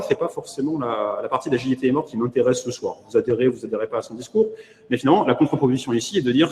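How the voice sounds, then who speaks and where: A man with a French accent giving a conference keynote online, hesitant with many fillers and wry asides. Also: medium pitch. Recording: echoey room with long reverb.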